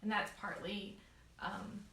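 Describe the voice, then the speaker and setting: Bright-voiced woman chatting in an echoey room. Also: mid-range voice, little pitch movement, slow pace, vocal fry. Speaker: co-host of a children's question session. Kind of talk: casual educational chat. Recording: echoey room, background noise.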